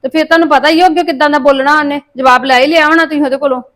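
A woman's voice: high-pitched, fairly even intonation, rapid-fire, a bit bright. A woman with a Punjabi accent playing an irritable young daughter who talks in an impatient, dismissive way. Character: brisk, irritable young daughter busy with farm chores.

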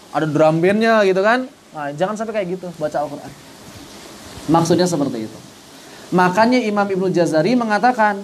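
A man's voice: high-pitched, slight background noise. A man teaching an online Quran recitation class. He poses rhetorical questions, answers them himself, and chants short passages as examples. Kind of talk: online tajwid lesson.

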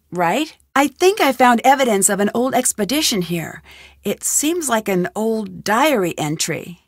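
Nancy Drew, lively high-voiced young detective. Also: female voice, no room sound, clean studio sound, full character voice. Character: Nancy Drew, inquisitive, persistent young female amateur detective. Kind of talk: scripted adventure game voice lines.

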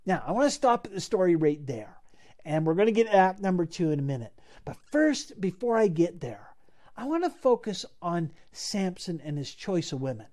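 Male pastor, mellow tone, casual storytelling sermon, chatty asides. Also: high voice, sing-song, moderate pace. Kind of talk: sermon retelling a Bible story.

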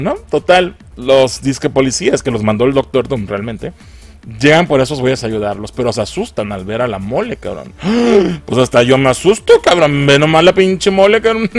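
A man with a Mexican accent giving a casual, profane film review. He mocks the movie and laughs often. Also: mid-range voice.

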